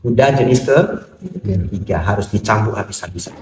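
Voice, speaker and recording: Brief: male monk preaching in a roomy hall, heard from some distance, lively storyteller. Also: fairly low pitch, normal speed. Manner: lively storytelling, acts out dialogues, jokes with audience. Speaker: Buddhist monk. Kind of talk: Dhamma sermon. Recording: roomy echo, distant mic, faint noise.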